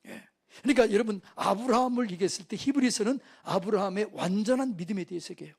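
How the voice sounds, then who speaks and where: Male revival preacher, high husky voice, quizzes his congregation. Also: fast talker. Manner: call-and-response preaching, asks the congregation questions. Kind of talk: sermon. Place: church.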